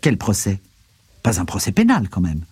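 A man voicing an excitable, loud older country uncle in an audiobook reading, agitated and pressing. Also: low voice, moderate pace, husky, dry recording, heavily acted.

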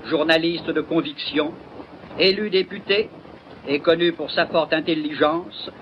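A male journalist giving a formal, solemn tribute, heard through an old 1930s newsreel recording. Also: a little high. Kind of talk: archival newsreel statement. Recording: dull lo-fi old newsreel audio with faint hiss.

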